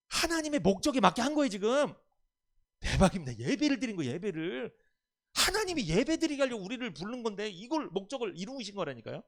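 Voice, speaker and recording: A pastor preaches a sermon at a church service in a high-pitched voice. He is emphatic and quizzes the congregation with questions for them to answer.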